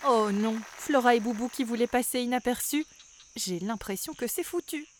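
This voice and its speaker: A woman narrating a children's story in a lively, expressive way. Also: fairly high pitch, moderate pace, slight background noise.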